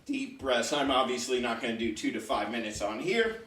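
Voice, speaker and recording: A man coaching a home workout in a chatty, joking, encouraging way. His voice sits at a middle pitch and sounds roomy, as if picked up from a few steps away in an apartment room. He keeps things light while giving instructions. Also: expressive, brisk, a bit bright. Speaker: exercise instructor. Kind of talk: home exercise video lesson. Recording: roomy echo, mic at a distance.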